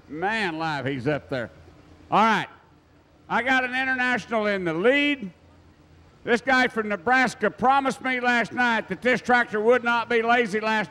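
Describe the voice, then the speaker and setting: A man's voice: high-pitched, pushed and bright. A man giving live tractor pull announcer commentary in a chatty, folksy, colloquial way. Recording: echoing PA with engine noise.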